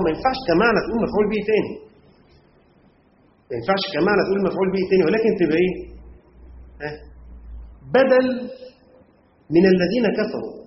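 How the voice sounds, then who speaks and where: An Egyptian-accented man teaching a class at a quick clip in a high voice, and he keeps stopping to quiz the students. The recording is roomy and dull, with a faint hiss behind him. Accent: Egyptian Arabic. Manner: quizzes the class with rhetorical checks. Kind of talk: classroom lesson on Quran commentary grammar.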